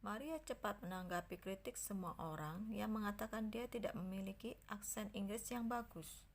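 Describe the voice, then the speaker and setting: A woman teaching a language lesson on English slang, reading each example sentence slowly and carefully, then translating it. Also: mid-range voice.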